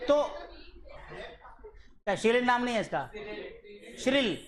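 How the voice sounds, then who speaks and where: A man delivering a lively, joking classroom physics lecture with students chattering behind him. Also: extremely high pitch, unhurried, a crowd in the background. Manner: joking and teasing with students, repeating key terms. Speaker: physics teacher. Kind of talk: classroom lecture mixing in English phrases.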